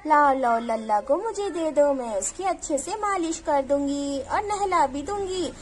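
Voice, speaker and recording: A woman's voice: high voice, animated, unhurried, a little hiss or hum. A woman doing a fussing village mother. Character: village mother, homely and cheerful.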